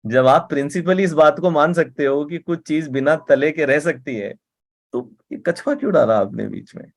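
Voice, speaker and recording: A man's voice: on the high side, normal speed. A man giving a motivational talk in a conversational way, often checking in with the listener and repeating words for emphasis. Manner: conversational, often asks "ठीक है?" and "right?".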